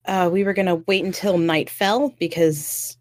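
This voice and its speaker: A woman's voice: fairly low pitch, fairly even intonation, normal speed, darkish tone, no room sound, studio quality. A woman chatting casually as a player in a tabletop role-playing game. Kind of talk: casual chat.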